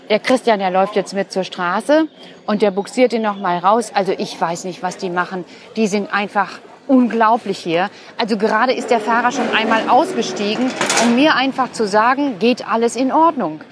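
A woman hosting a kindergarten podcast, excitedly narrating a delivery to children from a building entrance. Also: on the high side. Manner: excited, breathless reporting. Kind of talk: live commentary for children. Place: at a kindergarten entrance, partly outdoors by a truck.

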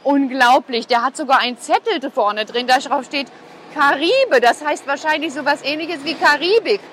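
A woman hosting a kindergarten podcast, excitedly narrating a delivery to children from a building entrance. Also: high-pitched, normal speed, slight background noise. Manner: excited, breathless reporting. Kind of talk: live commentary for children. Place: at a kindergarten entrance, partly outdoors by a truck.

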